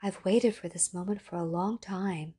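A woman voicing a soft-spoken, seductive computer that talks in a coaxing, ethereal way, with a low, slightly breathy voice. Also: steady tone, normal speed.

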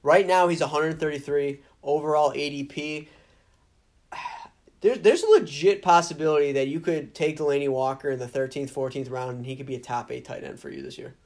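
Male co-host, slightly high voice, casual, stat-heavy football talk. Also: a little fast, a little mellow. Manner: stat-heavy, upbeat, with fillers and restarts. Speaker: podcast co-host. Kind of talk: casual fantasy football chat.

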